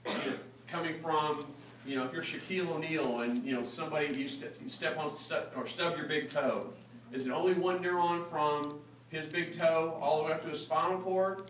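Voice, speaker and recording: A man's voice: on the high side, normal speed, fairly bright tone, recorded from a distance, a little hiss or hum. A man giving a classroom lecture and taking student questions, casual and joking, often checking understanding with "okay?". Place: lecture hall. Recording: echoey room recorded from afar.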